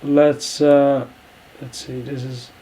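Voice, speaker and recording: Man, thirties, editing tutorial, slow and hesitant, warm mellow voice. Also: mid-range voice, little pitch movement. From Netherlands. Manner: thinking aloud, halting, many fillers. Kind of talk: screen-recorded tutorial narration.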